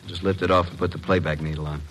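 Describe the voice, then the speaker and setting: In an old radio drama, a male actor plays a brisk, streetwise detective's assistant with a matter-of-fact delivery. His voice is low-pitched and natural with fairly even intonation, and the recording is faintly noisy.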